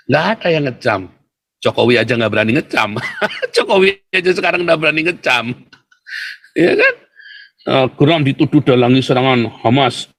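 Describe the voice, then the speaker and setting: A man giving sarcastic casual commentary while reading out news headlines, often laughing and talking straight to his listeners. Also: fairly high pitch. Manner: mocking, sarcastic, keeps addressing listeners as "saudara", laughs often. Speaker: political commentator.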